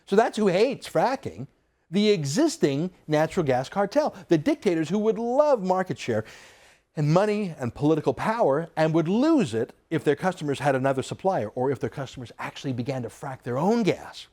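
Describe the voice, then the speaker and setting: A male TV commentator delivers a combative opinion monologue with a fairly high voice that swings widely in pitch. His delivery is emphatic and sarcastic, pressing each point hard. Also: sing-song, normal speed, darkish tone.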